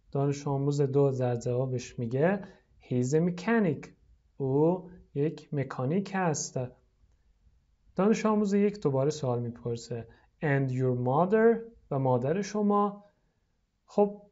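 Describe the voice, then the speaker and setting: A teacher recording a video lesson, talking pupils through a short dialogue. The English lines come very slowly, word by word, between quicker stretches of explanation. The voice sits at a middling pitch, and the recording sounds a little dull. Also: darkish tone.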